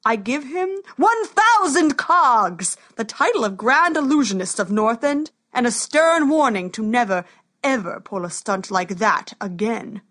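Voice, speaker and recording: A woman narrator voicing a commanding male king who thunders formal proclamations, loud and stately. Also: mid-range voice, sing-song, slow, few pauses, exaggerated voice.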